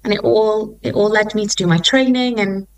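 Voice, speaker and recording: A young Welsh woman whose first language is Welsh, a musical theatre singer, talks enthusiastically in an interview, often restarting her sentences. Her voice is mid-range and her pace moderate.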